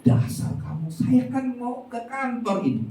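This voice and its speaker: A man voicing an angry, hurried office-worker husband who is late for an important meeting, complaining indignantly. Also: very high-pitched, very animated, slight background noise, voice pushed up, full character voice. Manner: shouting complaints, rushed and indignant. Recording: roomy church sound from a distant mic.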